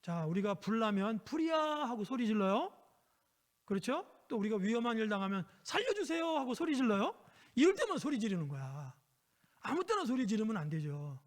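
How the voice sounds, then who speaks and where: A man with a notably high voice preaches to children, telling a Bible story in a gentle, storytelling way and often pausing to ask his listeners questions. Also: big pitch swings. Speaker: pastor. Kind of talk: children's sermon.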